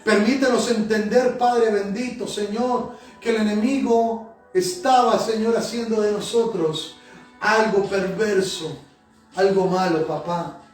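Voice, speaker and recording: Heard from afar in a reverberant sanctuary, this pastor and prophet has a high male voice and speaks in an unhurried, steady way. His sermon blends into fervent spoken prayer, punctuated by repeated cries of "Señor" and "Padre" over gentle background music.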